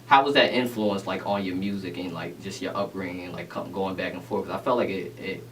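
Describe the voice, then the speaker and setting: Faint room noise and a distant mic frame a male radio DJ whose voice sits low, brisk and a bit bright. Hosting a casual interview, he stays upbeat, peppering it with affirmations and "you know what I'm saying."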